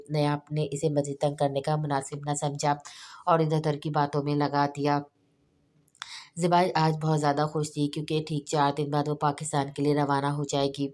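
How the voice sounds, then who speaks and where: Brief: woman narrator, low and flat, slow measured audiobook reading. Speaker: novel reader. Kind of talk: audiobook narration of a romance novel.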